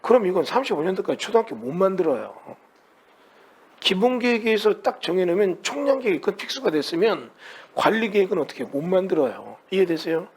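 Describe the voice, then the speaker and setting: A man's voice: high voice, big pitch swings, fairly quick, darkish tone, slightly rough. A man teaching a real estate class in a conversational way, often putting rhetorical questions to his students. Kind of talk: classroom lecture.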